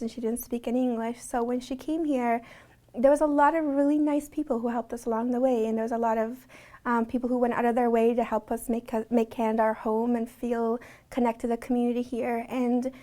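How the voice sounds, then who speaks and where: A woman's voice: fairly high pitch, flat delivery, fairly quick, dark tone. A woman speaking earnestly in a reflective documentary interview, talking conversationally with frequent restarts.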